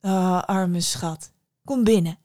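Gentle magical hostess of a fairy tale , played by a woman; soft, soothing, dry close sound. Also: on the low side, slow, no echo. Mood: kind. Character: kindly old magical woman of the little house.

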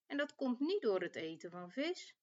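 A woman voicing a stubborn, defiant little male lamb in a storybook tale, shouting his refusals. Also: very animated, normal speed, muffled recording. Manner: shouts refusals, high and loud.

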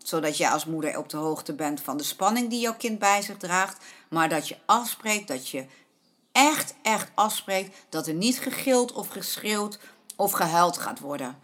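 Middle-aged woman giving pony riding tips to parents, lowish voice, says stuff twice to drive it home. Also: lively intonation, a little slow, fairly bright tone. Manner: earnest, repeats points, acts out a panicking child's voice. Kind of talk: spoken advice to parents.

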